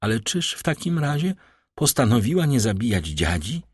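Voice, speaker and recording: A man's voice: medium pitch, big pitch swings, moderate pace, breathy edge, no echo, studio quality, pitched above the performer's own voice. A man reading aloud and voicing a frightened, pious young noblewoman in a pleading, tremulous way.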